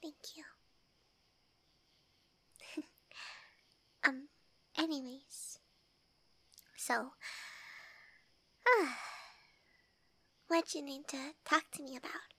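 A shy, gentle woman speaks softly in a romantic roleplay, slipping in and out of a whisper. Her voice sits high and bright. She takes her time over every phrase. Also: steady tone, extremely slow, pauses often, no echo. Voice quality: soft and often whispered. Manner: shy, gentle and affectionate, giggly.

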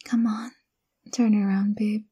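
A young woman whispering softly and close in an intimate, coaxing ASMR roleplay. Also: medium pitch, flat delivery, measured pace, husky. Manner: intimate, coaxing girlfriend address.

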